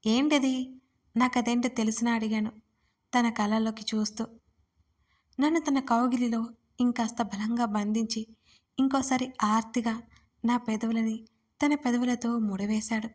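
A woman narrating her own first-person romance story in a steady, intimate reading. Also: on the high side, normal speed, long pauses. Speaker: writer and narrator.

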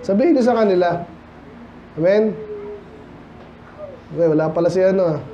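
A Filipino man preaching at a midweek church Bible study, his voice sitting high for a man. He talks conversationally, dropping English phrases in and calling out for amens. The recording is dull and lo-fi, with a faint hiss behind him. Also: animated, normal speed. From Philippines. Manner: conversational, often calls out for amens from the congregation. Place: church hall.

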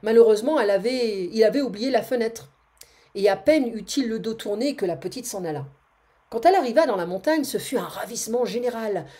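A woman reading a classic tale aloud as narrator, expressive, with occasional slips she corrects. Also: a little high, a little fast.

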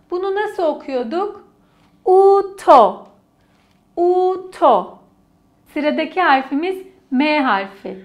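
A woman teaching an alphabet lesson to children, patiently repeating each letter and word aloud for the class to copy. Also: high-pitched. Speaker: language teacher.

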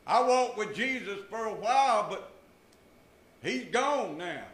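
A man's voice: sits high, animated, takes it slowly, a bit bright. An older man preaching a sermon from a church pulpit, with emphatic rises and drops in his voice. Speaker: pastor. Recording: echoey church room.

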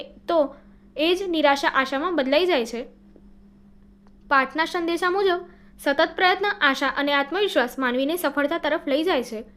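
A woman with a high voice teaches by reading workbook answers aloud, explaining steadily and occasionally correcting a slip.

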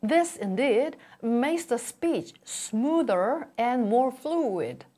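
A middle-aged woman presents a scripted language lesson. Her voice sits fairly high and she speaks very slowly. She enunciates each item deliberately, as a teacher modelling pronunciation for learners. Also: sing-song, warm tone. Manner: slow, deliberate enunciation with repeated model words.

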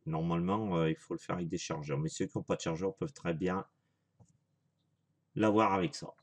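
A man's voice: sits low, fairly quick, slightly rough. A man in a casual home video review, chatty and apologetic, thinking aloud with lots of fillers as he shows products. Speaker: vaping vlogger.

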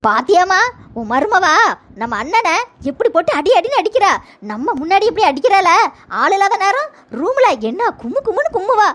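A woman's voice: very high-pitched, sing-song, fairly quick. A woman with a Kanyakumari Tamil accent voicing a gossiping young sister-in-law who tattles and mocks. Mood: tattling. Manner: tattling, mocking.

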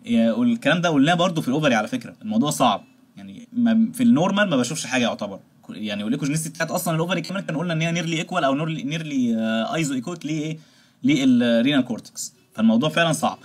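A man with an Egyptian Arabic accent lectures at a very rapid pace, switching into English terms. His voice is somewhat husky, at a middle pitch, and he keeps checking in with the listener. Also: expressive. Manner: rapid, explaining with many check-ins and asides. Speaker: veterinary lecturer.

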